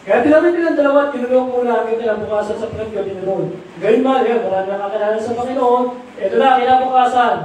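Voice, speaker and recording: A fast-talking preacher, middle-aged or older, speaks with a very high-pitched yet darkish voice. Mixing English into Tagalog, he asks his audience rhetorical questions, and the distant mic picks up room echo and faint noise.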